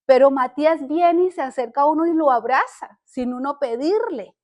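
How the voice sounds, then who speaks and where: Older lady podcast host, high voice, earnest faith story, lots of stops and restarts. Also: lively intonation, a little mellow. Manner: earnest, halting, with many restarts. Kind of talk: personal faith testimony.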